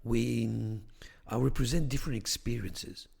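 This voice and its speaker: A Greek-raised man, a theology academic appearing as a podcast guest, explains religious history in a thoughtful, conversational way, often restarting and saying "you know," with rising emphasis on key points. His medium-pitched voice is gravelly and darkish with a breathy edge, moving at a moderate pace in a large hall.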